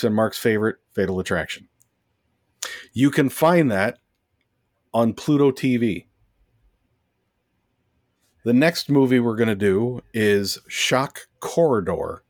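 Wry, deadpan man on a dry mic. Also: medium pitch, dry recording. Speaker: podcast co-host. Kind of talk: casual chat.

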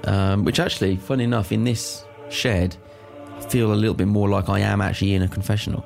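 This man co-hosts a laid-back podcast, reading out listener confessions and repeatedly dissolving into giggles. He speaks quickly in a fairly low, slightly mellow voice with vocal fry and fairly level intonation, over soft background music.

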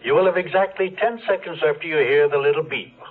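A man's voice: on the high side, quick pace, lightly acted. An actor playing a pompous middle-aged male insurance boss reading a stiffly formal answering-machine message in a radio drama. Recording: tinny phone-line sound.

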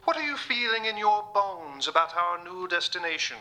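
A devout, sermonizing husband, played by a man with a very bright, tense voice. He talks in stately, formal phrases, as if he is always in the pulpit. It sounds like an audio drama. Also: high-pitched, animated, normal speed, exaggerated voice, rough recording. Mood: solemn.

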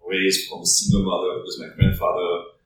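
A man's voice: low-pitched, level tone, fairly quick. A man with a French accent, a startup founder in his thirties, talking reflectively in a casual interview with many fillers and repeated words. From France. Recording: echoey room, distant mic, faint noise.

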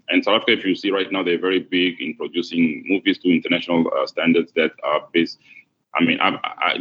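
A man from Congo, a podcast guest, talking in a relaxed, unhurried way with many fillers. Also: low-pitched. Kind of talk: casual interview. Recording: dull lo-fi sound.

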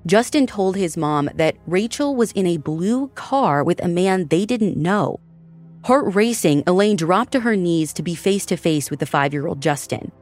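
A woman hosts and narrates a scripted true-crime story in a measured, dramatic delivery. Her voice sits notably low for a woman. Faint music runs under her narration. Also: expressive, a little mellow. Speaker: podcast host and narrator.

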